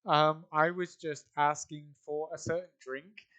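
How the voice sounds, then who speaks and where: A young man with an English accent hosts a loose podcast conversation. He tells his stories with animated energy, laughing and cursing casually as he goes. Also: fairly high pitch, unhurried. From England. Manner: animated storyteller, swears and laughs often. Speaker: podcast host. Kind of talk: casual chat.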